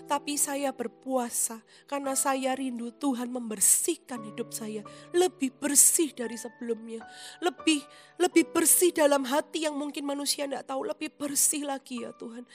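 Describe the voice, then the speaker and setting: Woman preacher, high voice, earnest and emphatic, sermon, faint music behind. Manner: speaks of herself in the third person, earnest and emphatic.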